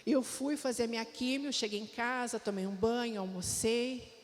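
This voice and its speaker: A woman's voice: a little high, steady tone, moderate pace. A woman with a Brazilian Portuguese accent giving a heartfelt personal testimony to a church congregation, often speaking straight to her listeners. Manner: heartfelt, storytelling, often addresses the listeners directly. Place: church hall. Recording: long reverb of a church hall.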